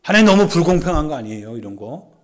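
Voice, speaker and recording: A man pastor giving a Sunday sermon in a church service, talking conversationally and swinging from loud pleading to hushed asides. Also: on the high side, big pitch swings, fast talker.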